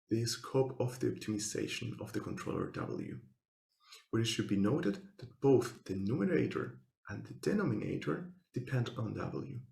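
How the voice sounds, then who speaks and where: A researcher, male, delivers a scripted technical presentation in formal, measured, step-by-step phrasing. His mid-range voice is creaky with a darkish tone, and the sound is reverberant.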